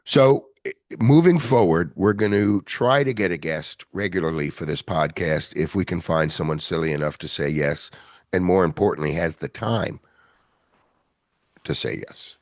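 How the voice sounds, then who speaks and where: A man hosting a podcast in casual chat, rambling and self-deprecating, with a gravelly voice. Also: low voice, moderate pace, darkish tone, dry recording, studio quality. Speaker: podcast host.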